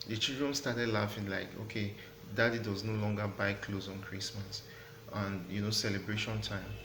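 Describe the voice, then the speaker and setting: A man's voice: on the low side, a bit bright. Middle-aged male host, earnest motivational speaker, repeats his points; roomy echo, noisy background. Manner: earnest, preachy, repeats phrases for emphasis. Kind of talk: motivational talk to camera. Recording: echoey room with background noise.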